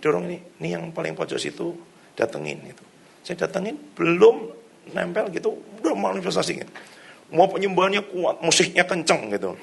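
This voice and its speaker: A middle-aged male pastor, preaching in a loose storytelling way. His voice is gravelly and a little husky, and he laughs often between stories. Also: sits high, big pitch swings, brisk. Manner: conversational storytelling, laughs often, javanese-flavoured casual indonesian. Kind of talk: sermon. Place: church hall.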